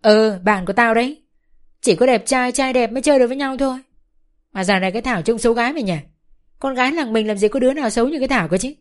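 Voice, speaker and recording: A woman voicing a boastful young village man who mocks a friend, in a loud, fast, brash tone. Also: fairly high pitch, pitched above the performer's own voice, natural voice. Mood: boasting.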